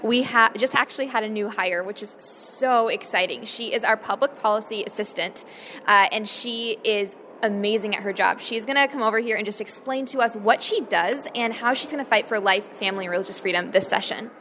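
A woman's voice: medium pitch, a little fast, pushed and bright. An American woman co-hosting a podcast in a conversational style, recorded in an echoey hall. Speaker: podcast co-host. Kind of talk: conversational presenting. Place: echoey, nearly empty state capitol hall. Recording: echoey hall, faint background noise.

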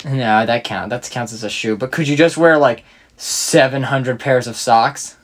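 A man's voice: medium pitch, a little slow. A young man co-hosting a podcast, chatting casually and joking with his co-host. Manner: joking, bantering. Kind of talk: casual chat.

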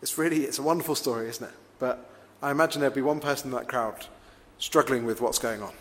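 Preacher with a hall echo. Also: male voice, medium pitch, fast, fairly bright tone. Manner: reflective, conversational, asks the listeners rhetorical questions. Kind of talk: sermon.

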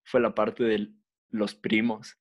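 A man's voice: lowish voice, little pitch movement, slow. A young man telling crude, jokey stories in casual chat.

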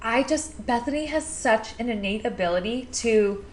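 A woman's voice: fairly high pitch, animated, slight background noise. Woman, podcast co-host, casual and talkative, roomy recording. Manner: chatty, quick to laugh, trails off. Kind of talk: casual chat.

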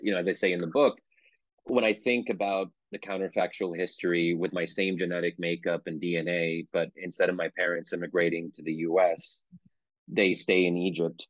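A Pennsylvania author, a guest in an interview, answers conversationally in a low-pitched voice, thinking aloud, qualifying himself and often restarting. The sound is dull, lo-fi and dry, with no room sound.

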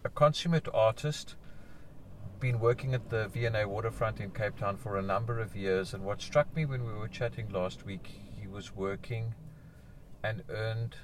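A man's voice: fairly low pitch, normal speed, noisy background. A man hosting a podcast, asking questions eagerly and stumbling over repeated words. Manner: enthusiastic, stumbling repeats, chuckles. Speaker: podcast host. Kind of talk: interview questions.

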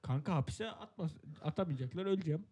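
A man co-hosting a casual podcast chat, joking and breaking into loud bursts when he quotes himself. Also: fairly high pitch, lively intonation, fast, slightly rough. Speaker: podcast co-host.

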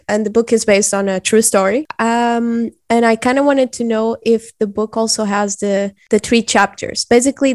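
Woman, podcast co-host, casual chat, higher voice, dry close sound, chatty, laughs a lot. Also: no room sound. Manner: chatty, laughs often, quick asides.

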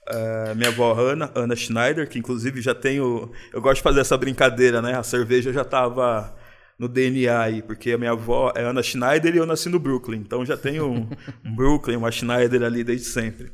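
A man's voice: mid-range voice, fairly quick. Paulistano guy chatting as a guest, laid back, reflective, says mano a lot. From São Paulo, Brazil. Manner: relaxed, reflective, uses street slang. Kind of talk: casual interview.

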